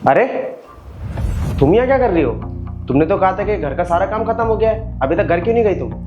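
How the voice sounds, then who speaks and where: A man's voice: sits high, lively intonation, brisk, dull audio, faint music behind. A man playing a suspicious male house servant who keeps questioning and accusing the maid.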